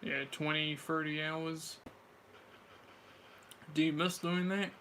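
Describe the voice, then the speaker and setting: A man's voice: fairly high pitch, flat delivery, slow pace, bright, forceful tone, a little hiss or hum. A man chatting casually with a friend about everyday things, in slangy, informal speech. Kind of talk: casual chat.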